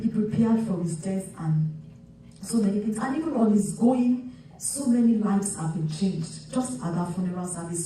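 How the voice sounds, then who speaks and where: A Nigerian woman pastor preaches a sermon in a church sanctuary, chatty and story-driven, with many restarts and asides. Her voice is on the high side and warm, with slight background noise. It's captured from far off in an echoey church hall.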